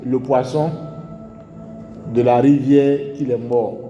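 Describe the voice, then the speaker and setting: A man's voice: medium pitch, fairly even intonation, slow, mellow, muffled recording. A man with an Ivorian French accent preaching a sermon, telling stories and asking rhetorical questions. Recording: echoey hall with faint music.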